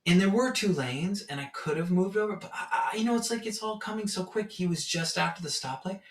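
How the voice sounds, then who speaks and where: A man's voice: sits high, brisk. A man giving a casual spiritual teaching talk, telling stories and acting out his own reactions. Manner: animated storytelling, acts out his own reactions. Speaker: meditation teacher. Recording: roomy echo, from far off the mic.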